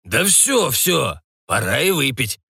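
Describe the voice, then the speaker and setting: A man voicing a grumpy old village craftsman who grumbles slowly and stammers when frightened. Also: mid-range voice, sing-song, vocal fry, pushed and bright, breathy edge, no room sound, studio quality, voice pushed up, exaggerated voice. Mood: grumbling. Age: older.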